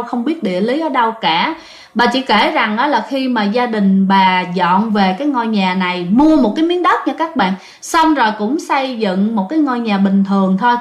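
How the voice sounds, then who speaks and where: A woman telling a ghost story in a chatty, casual way, often speaking to her listeners. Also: fairly high pitch. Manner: chatty, addresses listeners often, many fillers. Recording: echoey room.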